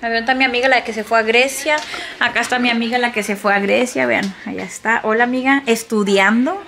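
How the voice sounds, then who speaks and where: A woman's voice: on the high side, steady tone, fast talker, vocal fry, pushed and bright, a little hiss or hum. Chatty woman vlogging. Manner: chatty and exclamatory, addresses viewers as "oiga". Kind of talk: casual vlog chat to camera.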